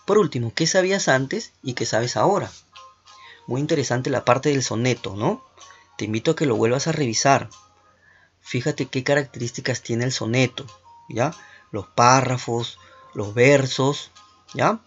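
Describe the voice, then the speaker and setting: Encouraging male teacher, husky voice. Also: mid-range voice, unhurried. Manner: encouraging, asks many questions with tag "¿no?". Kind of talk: online class for schoolchildren. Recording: dull lo-fi recording with faint music.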